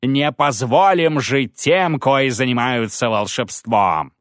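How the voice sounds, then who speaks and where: A male narrator voicing a gaunt fanatical priest who preaches in a slow, drawn-out tirade in an audiobook. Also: mid-range voice, no echo, clean studio sound, voice pushed up, natural voice. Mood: ranting. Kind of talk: audiobook character voice.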